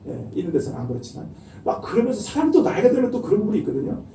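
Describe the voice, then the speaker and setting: Male pastor, middle-aged, lively sermon delivery that swings high, recorded from afar in a roomy church hall. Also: far from the mic, a little hiss or hum. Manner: animated, acts out quoted voices. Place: church sanctuary.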